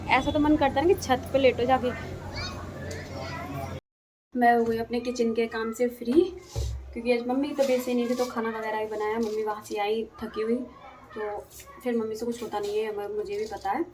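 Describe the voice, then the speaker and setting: A woman's voice: a little high, background noise. A young woman narrating her family's day at home in a rural house, chatty and repeating herself for emphasis. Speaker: family vlogger. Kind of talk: casual vlog narration. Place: rural home with cattle yard and kitchen.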